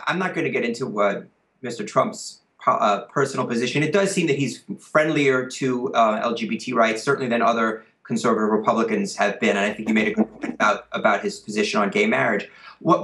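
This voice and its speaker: A man, a history professor appearing as an interview guest, speaking in a measured, thoughtful way with hesitations and restarts. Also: medium pitch, fairly bright tone, echoey room. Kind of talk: remote interview.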